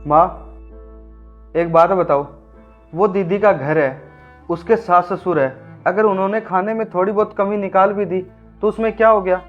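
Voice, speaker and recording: A man acting as a grown son who calmly reasons with his mother in a home-made family drama. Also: high-pitched, moderate pace, long pauses, lightly acted. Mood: reasoning. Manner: calm, reasoning. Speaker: channel host. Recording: muffled sound with faint music.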